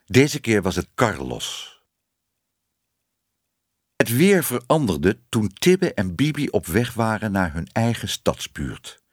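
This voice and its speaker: Expressive male storybook narrator. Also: fairly low pitch, takes it slowly, husky, no echo, studio quality. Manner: expressive reading with many voiced figures. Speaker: audiobook narrator.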